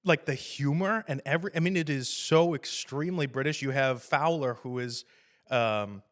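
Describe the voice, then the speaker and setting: A man's voice: mid-range voice, moderate pace. Rambling, profane man chatting about films. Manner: rambling, profane, animated, laughs often. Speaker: podcast host. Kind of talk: casual film discussion.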